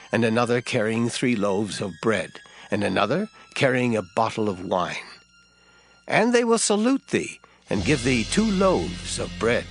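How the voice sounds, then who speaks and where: Over background music, a male actor with a medium-pitched voice plays an authoritative, assured prophet in dramatized scripture, delivering lines in a solemn, declamatory, deliberate manner.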